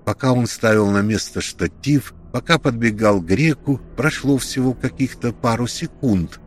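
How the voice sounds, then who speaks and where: A man narrating a tense story in a steady, measured read. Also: mid-range voice, slight background noise.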